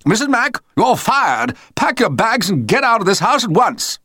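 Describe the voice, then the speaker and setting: Brief: pompous shouting storybook dad, loud and animated, as the narrator puts him on. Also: male voice, medium pitch, moderate pace, no room sound, studio quality, heavily acted. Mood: bellowing. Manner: blustering, shouting. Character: blustering pompous office father.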